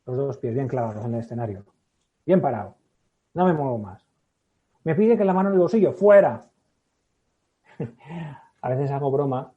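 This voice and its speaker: A man from Spain, an expert in public speaking, talks on a podcast with lively energy, staging small scenes and tagging "¿no?" onto his points. He has a husky, mid-range voice heard through thin, phone-like audio.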